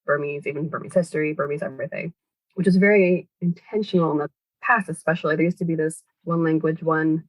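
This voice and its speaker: Her voice sits low and her tone stays steady as she talks fast, a woman guesting on a podcast about her work organizing language education. She explains things conversationally in long, reflective answers full of "sort of" and "kind of" hedges. The recording is dry and rough.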